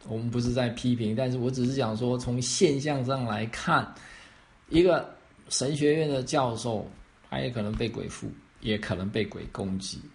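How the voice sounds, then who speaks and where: A man's voice: medium pitch, steady tone, normal speed. A man pastor answering questions on faith, explaining step by step and often checking that he is understood.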